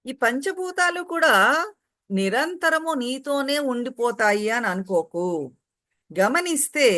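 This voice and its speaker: A woman giving a calm, explanatory spiritual talk, reciting Sanskrit verses and acting out everyday quotes. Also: fairly high pitch. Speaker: spiritual teacher translating commentary. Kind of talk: spiritual discourse.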